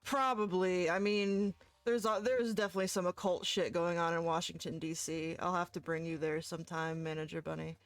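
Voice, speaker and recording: A woman's voice: on the low side, fairly even intonation, brisk, few pauses, dry recording, faint music behind. Chatty woman streaming a game. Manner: chatty, giggly, profane. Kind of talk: casual chat while gaming.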